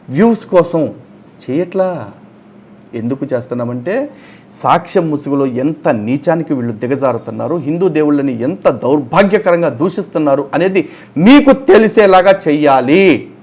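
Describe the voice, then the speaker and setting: A man's voice: fairly high pitch, a little mellow. A man commentating on testimony clips, scornful and mocking, often throwing insults. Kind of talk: angry reaction commentary.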